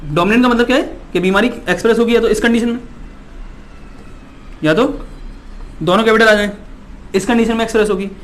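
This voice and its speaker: A man's voice: sits high, fairly quick, long pauses. A male biology teacher giving an exam-prep lecture, repeating points and constantly checking that students follow, insistent and reassuring. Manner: repetitive, keeps asking "है ना" to check students follow; reassuring and insistent, promises results.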